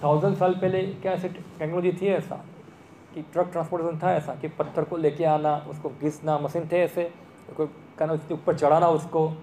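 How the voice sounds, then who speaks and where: Guy giving a talk, fairly high voice, roomy echo and faint hum behind. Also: mellow. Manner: conversational, asks the audience questions. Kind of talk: lecture to an audience. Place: temple hall. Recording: echoey room with faint ambience.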